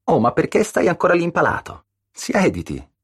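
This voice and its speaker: A man voicing a bustling, brisk pregnant woman. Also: lowish voice, expressive, no echo, studio quality, voice pushed up. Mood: bossy cheerful. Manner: brisk, bossy, warmly teasing. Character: cheerful pregnant woman in her thirties, bustling.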